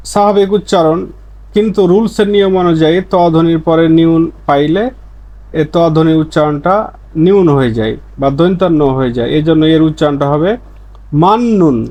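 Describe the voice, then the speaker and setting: Man slowly repeating Korean words for learners. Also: fairly high pitch, darkish tone. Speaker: Korean language teacher. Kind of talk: explaining pronunciation rules.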